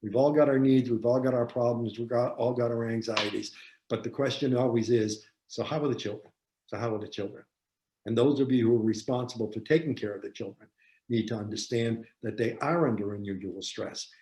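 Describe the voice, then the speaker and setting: A man's voice: mid-range voice, fairly quick, a little hiss or hum. Man telling a story in an echoey room. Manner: animated storyteller, repeats phrases for emphasis. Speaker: seminar presenter on parenting. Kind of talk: storytelling lecture. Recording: roomy echo.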